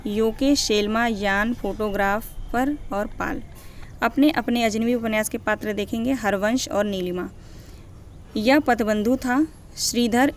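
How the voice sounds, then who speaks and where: A young woman teaching from her notes in a higher-pitched voice, reading out long lists of names at a steady pace. She keeps checking in with her students and corrects her slips as she goes. A faint hiss sits under her voice. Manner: corrects herself mid-list. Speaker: Hindi literature teacher. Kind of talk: exam-prep lecture.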